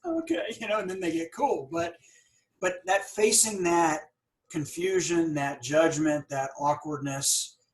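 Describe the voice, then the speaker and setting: A middle-aged man, a dentist who owns his own practice, hosts a podcast interview in a slightly high voice at a measured pace. He speaks earnestly, now and then stammering and repeating words, and the audio quality is poor.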